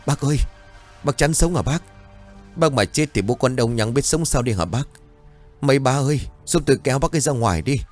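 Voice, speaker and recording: A man's voice: mid-range voice, expressive, fairly quick, faint music behind, pitched above the performer's own voice, natural voice. A man voicing a frantic villager urgently pleading and giving orders.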